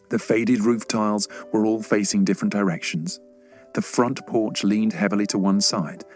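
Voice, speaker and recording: Reading a children's story, a male audiobook narrator uses a fairly low, slightly mellow voice. It's scripted storytelling with faint music underneath.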